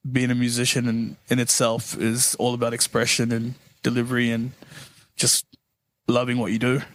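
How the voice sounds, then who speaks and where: A man's voice: mid-range voice, monotone, moderate pace, a bit bright. A man with a New Zealand accent chatting casually as a guest, laid-back, often tagging his phrases with checking fillers. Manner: laid-back, often adds "you know". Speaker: interview guest, musician. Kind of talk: casual chat.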